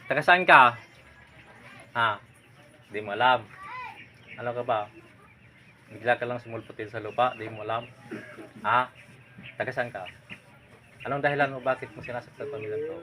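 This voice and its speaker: A man's voice: medium pitch, normal speed, pauses often, sharp tone, a little hiss or hum. A man working as a folk healer, firmly and insistently questioning a spirit during a healing ritual. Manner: commanding, insistent, repeatedly prodding with "ha?".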